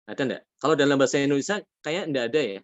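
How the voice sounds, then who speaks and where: A man teaching a tajweed class, patient, asking his students questions and drawing out Arabic words slowly. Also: mid-range voice, lively intonation, no echo, dull audio. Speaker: Quran recitation teacher. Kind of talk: tajweed lesson.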